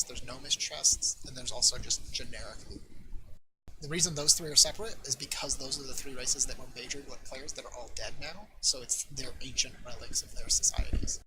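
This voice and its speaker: A man's voice: medium pitch, background noise. A man running a tabletop game as dungeon master, casually explaining rules and loot at length.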